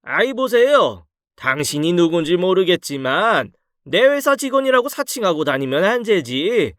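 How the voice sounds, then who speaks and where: A man's voice: high-pitched, very animated, normal speed, a bit bright, no room sound, clean studio sound, voice pushed up. A man voicing a pompous middle-aged law firm boss who lectures and scolds. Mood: scolding.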